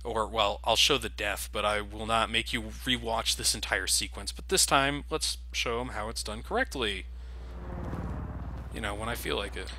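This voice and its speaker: This man talks at a moderate pace with a fairly low, pushed and bright voice. As a video game commentator he gives casual, sarcastic let's play commentary, putting himself down and cursing freely, while gunfire and vehicles from the game's combat play behind him.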